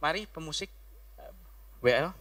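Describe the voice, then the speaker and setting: A male pastor giving an animated sermon, swinging from loud calls to hushed words. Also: fairly high pitch, moderate pace.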